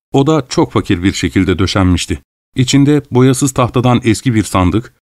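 A man narrating a story in a measured, unhurried way. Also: lowish voice, darkish tone, no room sound, clean studio sound. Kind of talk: audiobook narration.

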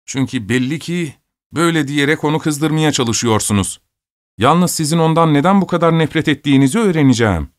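Male narrator as a sincere, gentle young man, a touch higher than his own voice, dry. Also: lively intonation, fairly quick, no echo, close to an everyday voice. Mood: earnest.

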